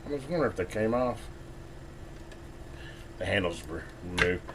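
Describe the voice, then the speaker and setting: His low voice has lively intonation and moves at normal speed as he gives casual, hands-on repair commentary, talking through his thoughts as he works. It's a clearly noisy hobbyist video, with him as host.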